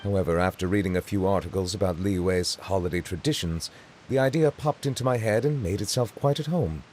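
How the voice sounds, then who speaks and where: A man voices a dignified judge from a video game, speaking low and composed. Each word is chosen with formal precision and steady calm, and his humor runs dry. The voice sounds natural, with a slight hiss or hum.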